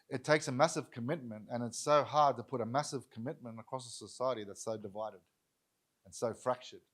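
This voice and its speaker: A man giving a public lecture as a guest speaker, talking earnestly and repeating key phrases for emphasis. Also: mid-range voice. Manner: acts out bystanders' voices in quotes.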